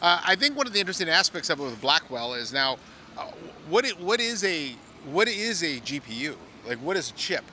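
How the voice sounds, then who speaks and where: A middle-aged man, an industry analyst, explaining in a measured way with occasional "uh"s, interviewed outdoors on a handheld mic. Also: on the high side, sing-song, pushed and bright, a little hiss or hum. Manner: measured, explanatory, some filler "uh"s. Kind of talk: on-site analysis chat. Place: outdoor plaza at a conference.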